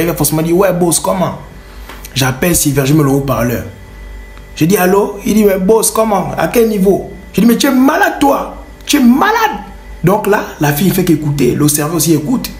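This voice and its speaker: Animated man telling a comic story. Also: fairly high pitch, echoey room. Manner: animated, repeats words for effect. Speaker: comedian.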